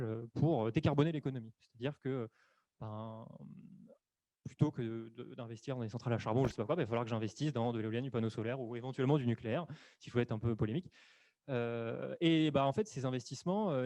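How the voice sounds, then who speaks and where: A man explaining economics in a webinar, speaking quickly and filling his sentences with hesitations and self-corrections. The sound is dry and close, recorded on a desk microphone at his computer. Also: mid-range voice, warm tone, no room sound. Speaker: webinar presenter. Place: room at home or office, on camera.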